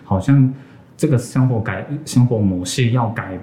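A man's voice: mid-range voice, normal speed, crowd noise. A young man from Japan speaking Mandarin as a second language with a Japanese accent and a slight Taiwanese influence, hesitantly searching for words as a podcast guest. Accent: Japanese accent in Mandarin, with some Taiwanese influence. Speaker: interview guest, graduate student. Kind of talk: casual podcast interview. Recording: roomy, echoey sound.

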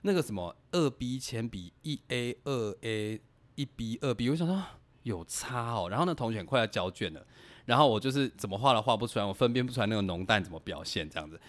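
A young man telling personal stories on a casual podcast, animated and laughing as he talks. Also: mid-range voice, fast talker. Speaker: podcast host. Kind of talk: casual storytelling chat.

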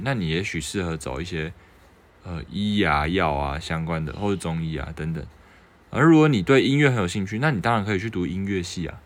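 A young man with a Taiwanese Mandarin accent and a fairly low voice, chatting casually on a livestream. He reads viewer questions aloud and answers them offhandedly, with a joke here and there. Soft music plays faintly in the background.

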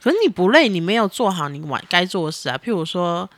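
A woman, chatting casually on a podcast as a mother talking with her child, animated and exasperated in a teasing way. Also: on the low side, quick pace, dry recording.

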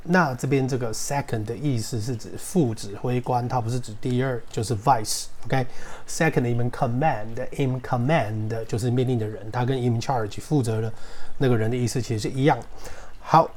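A man hosting a casual podcast English lesson, chatting loosely and spelling words out slowly letter by letter. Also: mid-range voice, a little mellow, slight background noise. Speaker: English teacher podcast host.

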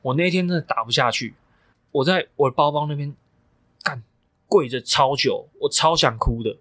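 A man's voice: on the high side, normal speed, fairly bright tone, no room sound. A young man, a coach co-hosting a podcast, telling stories emphatically and swearing freely. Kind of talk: casual podcast chat.

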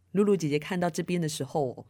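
A woman reading a picture book to children in an animated manner, often addressing them directly. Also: on the low side. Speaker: storyteller.

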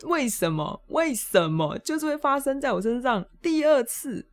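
A woman, hosting a podcast and telling a funny story in a casual, animated way, often laughing and jumping up high when exasperated. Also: moderate pace. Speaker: podcast host.

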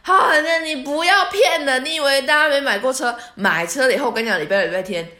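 A woman's voice: medium pitch, very animated, fairly quick, fairly bright tone. A woman voicing an insistent, lecturing middle-aged male taxi driver.

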